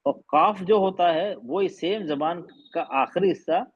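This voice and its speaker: A man's voice: high-pitched, a little slow, dull audio. A man teaching an online class, explaining patiently and repeating his points, mixing in English phrases. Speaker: tajweed teacher. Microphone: video call.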